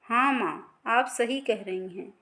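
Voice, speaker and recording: A woman's voice: fairly high pitch, slow pace, bright, forceful tone. A woman storyteller voicing a worried grown son who presses his mother about lost money. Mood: urgent.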